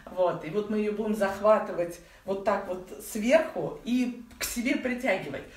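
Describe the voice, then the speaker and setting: A woman in her forties, her voice mid-range and darkish, talks at a moderate pace as she gives chatty, informal breathing instruction to beginners, using affectionate diminutives. She's at home in her living room, recorded on a phone or camera set a little way off, so the sound is echoey and distant with faint noise.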